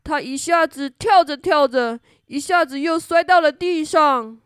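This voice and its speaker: A woman voicing a friendly, curious male tiger in a children's story, in a lively storytelling way. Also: high voice, measured pace, no room sound, clean studio sound.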